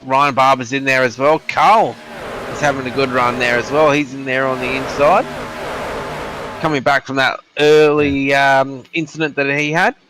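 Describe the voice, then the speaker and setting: A man's voice: medium pitch, steady tone, normal speed, noisy background. A man giving live motorsport commentary on a sim race.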